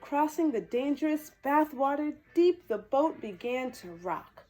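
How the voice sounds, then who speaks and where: A woman with a high voice hosts children's storytime dressed as a princess character, speaking slowly in an expressive, mellow way. She gives an animated reading of a picture book and talks directly to young viewers.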